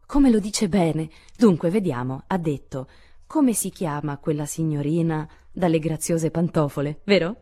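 A woman reading aloud and voicing a lively, outspoken tomboyish teenage girl, speaking in an eager, exclamatory way. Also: sits low, a little slow. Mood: delighted.

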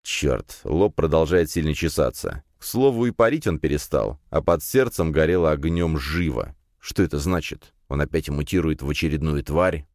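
Very deep male audiobook narrator. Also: normal speed, few pauses, no room sound, clean studio sound. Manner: steady first-person storytelling.

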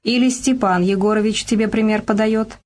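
A woman's voice: medium pitch, fairly even intonation, moderate pace, darkish tone, natural voice. A woman voicing a worn-out working mother who scolds her son, hissing through her teeth, in an audiobook. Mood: scolding.

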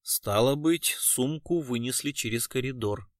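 A composed, ironic police colonel who questions suspects with cold calm, read by a male narrator. The voice sits in a steady middle range. The sound is dry and close. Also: mid-range voice, unhurried, no echo, lightly acted. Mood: commanding.

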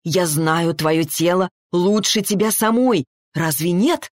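A woman voicing a passionate, insistent young man in an audiobook, speaking low, slow and coaxing. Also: dry recording, clean studio sound, close to an everyday voice. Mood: urging.

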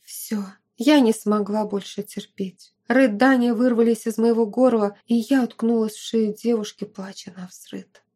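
Warm, mellow woman reading a novel. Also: a little high, fairly even intonation, measured pace. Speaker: audiobook narrator. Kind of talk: first-person scripted narration.

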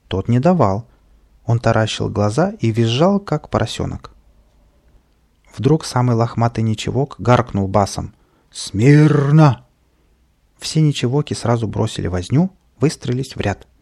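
A man narrating a children's audiobook in an expressive storytelling manner. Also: mid-range voice, vocal fry.

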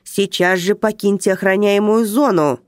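A woman's voice: fairly low pitch, moderate pace, a little mellow, no room sound, lightly acted. Woman doing a fussy chubby security guard, barks orders, dry close sound. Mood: officious. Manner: officious, barking. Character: short round middle-aged male security guard, officious.

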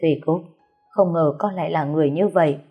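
A woman's voice: deep voice, fairly quick, breathy edge, dull audio, soft background music. A woman reading a novel aloud voices an elderly matriarch speaking with reproach. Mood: reproachful. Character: elderly matriarch, stern and shocked.

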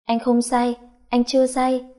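A woman's voice: fairly high pitch, monotone, unhurried, mellow, natural voice. A woman voicing a tipsy, sugary young husband. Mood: tipsy teasing. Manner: slurred, whiny, sugary. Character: tipsy affectionate young husband, sweet-talking.

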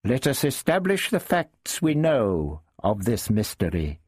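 A man voicing a shrewd, commanding male sultan who speaks in a measured, deliberate way. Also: mid-range voice, big pitch swings, a little mellow, slightly rough, dry recording, studio quality, voice pushed up.

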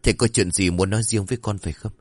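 A man's voice: lowish voice, fairly even intonation, rapid-fire, slightly rough, no room sound. A man voicing an anxious young daughter who speaks in a sobbing, urgent way. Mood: worried.

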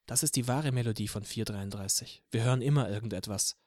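A man reading an audiobook, voicing a young male band member who murmurs quietly during a silent protest. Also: fairly low pitch, brisk, dry recording, clean studio sound, natural voice. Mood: hushed. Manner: hushed, murmured. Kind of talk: audiobook character voice.

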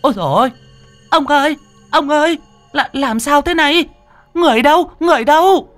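A man voicing a panicked older wife of a mandarin in a shrieking falsetto. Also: expressive, brisk, fairly bright tone, soft background music.

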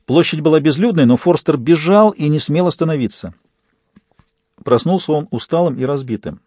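A male audiobook narrator with a mellow, dark tone and a measured, even delivery. The recording is dry and close, with no room sound. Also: a little high, dry recording. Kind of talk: scripted narration.

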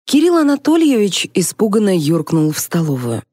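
A woman narrating an audiobook in a wry, even storytelling manner. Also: mid-range voice, moderate pace, breathy edge, no echo, clean studio sound. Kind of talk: scripted narration.

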